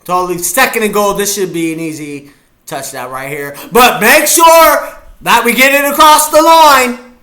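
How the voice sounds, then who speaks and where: A football-watching streamer talks to his audience in a goofy, chatty live reaction. His voice is high, pushed and bright, and his pace is moderate.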